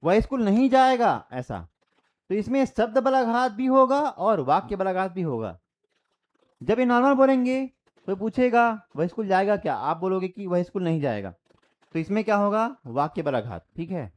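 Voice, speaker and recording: A man with a fairly high, very lively voice teaches an exam-prep grammar lecture. He keeps repeating his examples and throws quick questions back at the class. His delivery swings widely up and down as he drills each point. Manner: explains by repeating and quizzing students.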